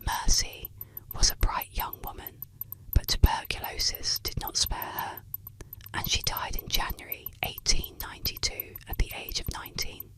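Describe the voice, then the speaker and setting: A woman narrating eerie tales as ASMR, in a soft unvoiced whisper close to the ear. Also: normal speed. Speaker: ASMR storyteller. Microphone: close ASMR microphone.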